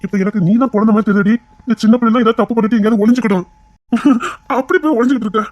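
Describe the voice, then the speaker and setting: A woman voicing a remorseful, tender young husband with a Tirunelveli Tamil accent, in a web-series drama. She pleads and repeats apologies quickly. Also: on the high side, steady tone, darkish tone, slight background noise, close to an everyday voice. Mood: teasing.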